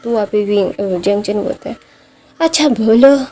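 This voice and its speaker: Mellow-voiced woman casually retelling a story. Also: mid-range voice, fairly even intonation, fast talker. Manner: loose, conversational, many self-corrections and fillers.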